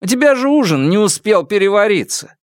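A man's voice: sits high, very animated, a little fast, no echo, studio quality, voice pushed up. A man voicing a teasing young male student roommate with a mocking manner.

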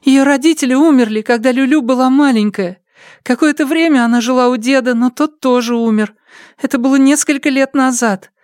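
Style: a man putting on a wary young village woman. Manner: high and sharp. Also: brisk, smooth, no echo, clean studio sound. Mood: explaining.

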